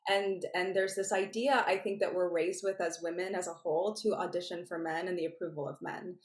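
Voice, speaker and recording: A woman dating coach talking in a casual interview, animated, laughing often and acting out what her clients say. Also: fairly low pitch, brisk, echoey room.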